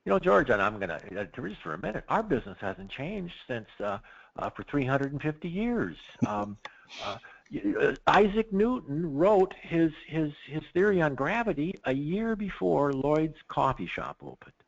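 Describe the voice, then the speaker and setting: A man working as a risk management consultant, talking animatedly and excitedly in an interview, often restarting his sentences. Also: a little high, normal speed, gravelly, dull audio. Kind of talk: podcast interview.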